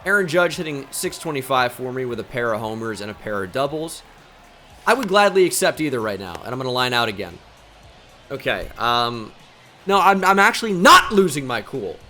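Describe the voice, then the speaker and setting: A young man giving live commentary on a baseball video game, quickly flipping between frustration and joking at himself. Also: mid-range voice, soft background music. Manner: excitable, swings between frustration and self-mockery. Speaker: gaming channel host.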